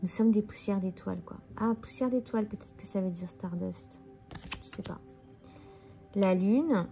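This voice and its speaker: A woman's voice: medium pitch, moderate pace, dark tone, faint music behind. A tired woman casually musing aloud as she turns over and presents tarot cards. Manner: musing, thinking aloud while turning cards. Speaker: tarot card reader presenting a deck. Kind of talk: casual deck walkthrough.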